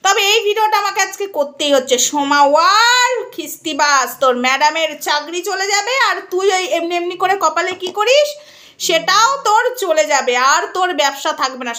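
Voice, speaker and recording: A woman's voice: very high-pitched, pushed and bright. A woman vlogger scolding and taunting a rival straight to camera, firing rhetorical questions at her. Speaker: social media vlogger. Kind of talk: angry callout vlog addressed to a rival.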